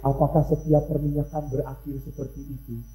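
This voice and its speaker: Animated, humorous priest in an echoey hall. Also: male voice, fairly high pitch, a little fast. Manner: animated and humorous storyteller, varies his loudness a lot. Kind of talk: seminar talk with anecdotes.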